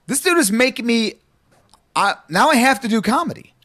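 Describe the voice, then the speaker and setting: A man with a high voice and wide, animated swings in pitch co-hosts a podcast. He banters casually, sounding emphatic and exasperated, and curses freely. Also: moderate pace. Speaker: comedy podcast co-host.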